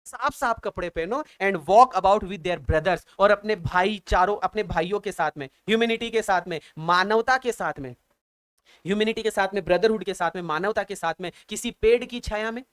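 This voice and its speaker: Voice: mid-range voice, moderate pace, a bit bright, no echo. Enthusiastic teacher translating every line. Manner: repeats and translates every phrase, rhetorical questions, enthusiastic exclamations. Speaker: English teacher. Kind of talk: bilingual line-by-line poem explanation.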